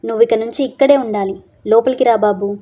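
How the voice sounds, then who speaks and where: A woman doing a gentle, coaxing orphanage mother. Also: on the high side, fairly quick, muffled recording, natural voice. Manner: soft, coaxing tone.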